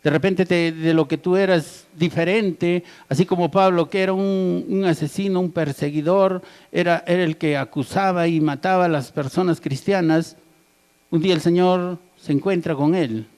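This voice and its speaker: A male pastor with a high, clean-sounding, darkish voice preaches at a moderate pace with fairly even intonation. He poses rhetorical questions to the congregation and caps his points with "¿verdad?" ("right?") and "amén" ("amen").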